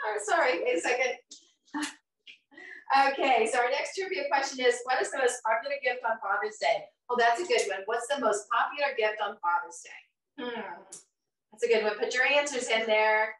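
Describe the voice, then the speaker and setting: A woman in her fifties hosts a live cooking show in her home kitchen, speaking at a moderate pace in a fairly high, slightly bright voice. The tone is upbeat stream chat, chatty and encouraging with plenty of laughs. Sound comes from a distant camera, leaving the kitchen roomy and remote.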